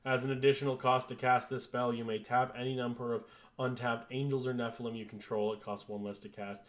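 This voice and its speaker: A man's voice: mid-range voice, level tone, fairly quick. A man going through a card list in casual commentary, reading rules text and reacting in an offhand, dry way. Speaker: card reviewer.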